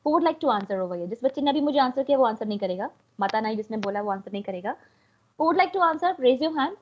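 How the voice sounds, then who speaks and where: A woman's voice: on the high side, lively intonation, fairly quick, a little hiss or hum. A young woman with an Indian accent teaching an online language class, mixing Hindi and English and coaxing students to answer. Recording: dull lo-fi online call audio.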